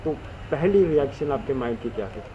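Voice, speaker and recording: A man's voice: medium pitch, lively intonation, fairly quick, phone-quality sound, slight background noise. A man with a Jammu Hindi accent interviewing a guest, probing with questions and slipping into English phrases. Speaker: news interviewer.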